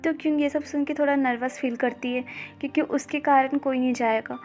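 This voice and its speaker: High-voiced woman narrating a manga recap. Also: fairly even intonation, a little fast, darkish tone, soft background music. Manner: conversational. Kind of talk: storytelling recap.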